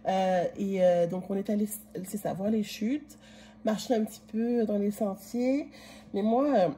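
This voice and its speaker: A woman's voice: medium pitch, measured pace, warm tone, a little hiss or hum. A woman vlogger with a Quebec French accent, short of breath and coughing, chatting casually and rambling to a phone camera propped in a chalet kitchen. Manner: rambling, chatty, many fillers. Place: kitchen of a rented chalet, indoors. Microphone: phone camera propped in a cupboard.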